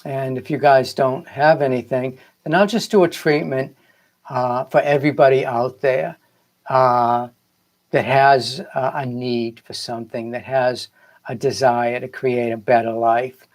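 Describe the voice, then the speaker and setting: A man from the Boston area, middle-aged or older, gives a casual motivational livestream as a spiritual coach. His medium-pitched voice is a little slow with fairly even intonation, and he rambles earnestly, repeating phrases to stress his points.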